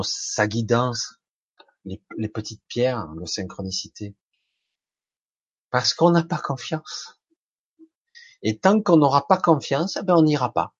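Man, informal self-development speaker, husky voice, animated pitch, blunt and colloquial, dry lo-fi recording. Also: dry recording. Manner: colloquial and blunt, with mild swearing, acts out inner voices. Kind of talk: informal motivational talk addressed to the listener.

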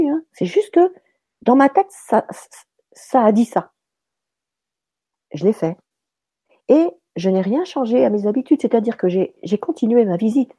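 A woman who trains mediums, telling a personal story in a casual, animated chat full of fillers and restarts. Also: fairly high pitch, slightly rough, no room sound. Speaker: medium teaching soul passage.

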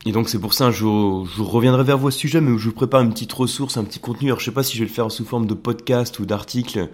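A man's voice: medium pitch, fast, a little mellow. A man hosting an educational wine podcast, explaining at length in a casual, hesitant way with many fillers.

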